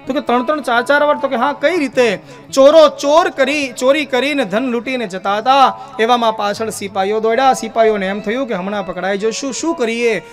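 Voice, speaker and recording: A Gujarati-accented man tells a devotional story in sermon style, voicing each character in turn. His voice sits high for a man. Faint instrumental music plays behind him. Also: normal speed. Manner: chanting verses, then narrating with voiced dialogue. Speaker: religious storyteller.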